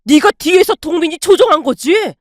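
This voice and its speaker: A woman doing a furious shouting ex-husband. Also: sits high, expressive, fairly quick, dry recording, studio quality. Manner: shouting, accusing. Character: furious middle-aged ex-husband, bullying and shouting.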